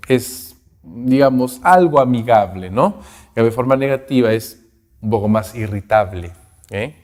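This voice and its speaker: A man teaching an English grammar class to students, explaining example sentences and checking in constantly with quick questions. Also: medium pitch, a little mellow. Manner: switches between Spanish and English example sentences; addresses students directly. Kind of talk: recorded class lecture.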